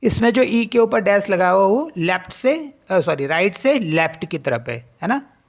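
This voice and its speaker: A woman teaching a French pronunciation lesson in Hindi mixed with English, spelling each word letter by letter and repeating it slowly. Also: medium pitch, lively intonation, vocal fry. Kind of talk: spoken language lesson.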